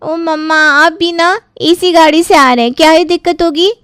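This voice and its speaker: A woman's voice: extremely high pitch, normal speed, a bit bright, no echo, clean studio sound. A woman voicing a pampered young wife who coos and gushes over her husband. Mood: playful. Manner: cooing, gushing.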